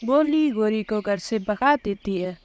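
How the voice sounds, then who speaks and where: A woman narrating an animal story for children in a plain, steady way. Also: mid-range voice, slight background noise.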